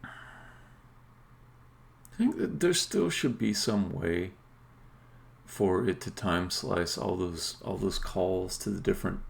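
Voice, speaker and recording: A middle-aged man, a game developer, talks casually and with strong opinions during a live-coding stream, sometimes halting before turning emphatic. His voice sits low with vocal fry.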